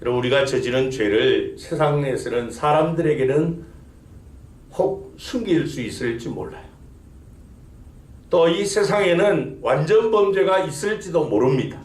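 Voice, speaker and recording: A man's voice: on the high side, lively intonation, moderate pace, a little mellow. A male pastor preaching a sermon, building emphasis and asking the congregation rhetorical questions. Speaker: senior pastor. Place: church sanctuary. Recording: echoey church sanctuary.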